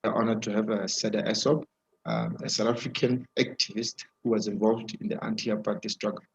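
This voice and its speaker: A man hosting a live webinar interview over an online video call with a weak connection, talking haltingly with many fillers and restarts. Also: lowish voice, steady tone, creaky. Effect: heard over an online video call with a weak connection. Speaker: webinar host. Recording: dull, muffled video call audio.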